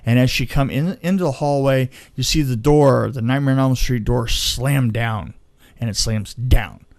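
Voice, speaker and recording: Speaking at a moderate pace in a mid-range voice, this podcast storyteller recounts casual behind-the-scenes tales from his years on film crews, performing the dialogue he quotes. The audio is studio quality with no room sound.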